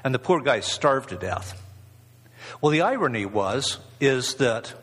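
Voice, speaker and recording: Male preacher, husky mid-pitched voice, casual rambling delivery, long hall echo. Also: big pitch swings, a little slow, a bit bright. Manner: rambling, conversational, many fillers and restarts. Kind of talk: informal sermon.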